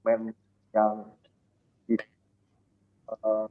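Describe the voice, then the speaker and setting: A man's voice: on the low side, monotone, creaky, phone-quality sound, slight background noise. Man on a breaking-up video call. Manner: hesitant, many pauses. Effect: choppy, breaking-up video call audio. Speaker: architect and tourism consultant. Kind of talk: online discussion answer.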